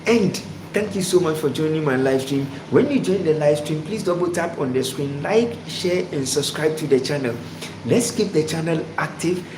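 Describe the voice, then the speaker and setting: A man's voice: a little high, animated, moderate pace. A man from Ghana hosting a casual sports live stream, greeting viewers by name and asking them questions. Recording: echoey room with loud background noise.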